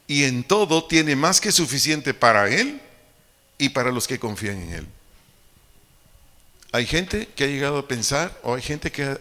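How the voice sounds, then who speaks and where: Emphatic Mexican preacher in a reverberant hall. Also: male voice, mid-range voice, sharp tone. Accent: Mexican Spanish. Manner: repeats key phrases slowly and emphatically. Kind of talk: sermon. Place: church hall.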